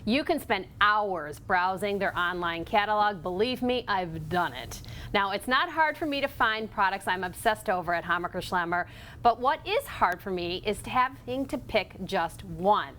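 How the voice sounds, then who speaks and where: A woman's voice: medium pitch, expressive, moderate pace, sharp tone, a little hiss or hum. A woman presenting as a lifestyle show host, in conversational sales patter with frequent check-in tags. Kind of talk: presenting products to viewers.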